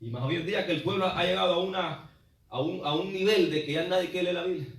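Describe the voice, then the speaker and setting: A man preaching in a church, his high voice ringing through a roomy, echoing sanctuary. He drifts away from the microphone at times, rising to loud cries and then dropping to low asides. The congregation is called brother again and again. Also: quick pace, far from the mic. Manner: preaching with swings between loud exclamations and low asides, often saying "hermano". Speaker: pastor. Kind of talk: sermon. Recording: echoey church hall, preacher off the mic.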